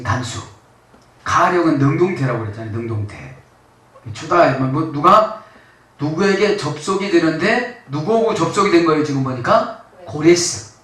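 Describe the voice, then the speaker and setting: A man's voice: on the high side, a bit bright. A male pastor preaching a sermon, constantly checking in with the congregation through short questions and rhetorical prompts. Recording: very echoey room, mic far off.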